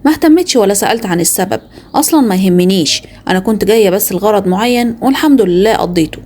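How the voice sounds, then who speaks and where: A young woman with an Egyptian accent tells a first-person story at a very rapid pace. Her voice is dark and mellow, and her delivery is confiding and dramatic, like an inner monologue. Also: medium pitch, expressive. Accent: Egyptian Arabic.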